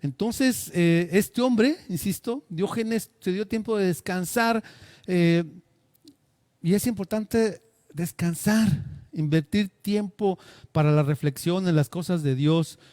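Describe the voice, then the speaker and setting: A man's voice: high voice, takes it slowly, a little mellow, no room sound, clean studio sound. A man preaching a sermon, earnest and asking his listeners questions. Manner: earnest, asks the congregation questions.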